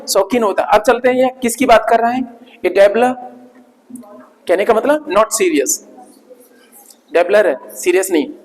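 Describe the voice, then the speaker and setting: A man teaching English vocabulary in Hindi, drilling pronunciation and checking in with his class again and again. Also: very high-pitched. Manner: repetitive, drills words, checks in with "ठीक है ना"; slow, drawn-out spelling of sounds. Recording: long hall reverb.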